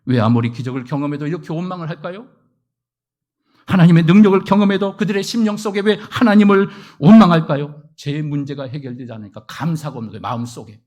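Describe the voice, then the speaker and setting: A middle-aged male pastor preaching a sermon, acting out prayers and quoted voices and swinging from loud declarations to hushed asides. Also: a little high, fast talker, muffled recording.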